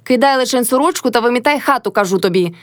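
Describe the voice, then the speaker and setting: A scolding older peasant mother-in-law who gives orders and nags without pause, as a woman reading the story puts her on. Her voice pitches high and shrill, recorded close and dry. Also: animated, no room sound, close to an everyday voice. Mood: bossy. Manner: nagging, commanding.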